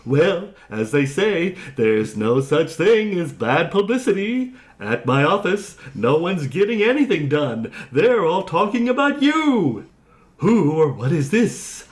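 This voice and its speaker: A man's voice: fairly high pitch, sing-song, slow. A man doing a chipper encouraging friend. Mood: excited. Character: upbeat male friend, cheerfully encouraging.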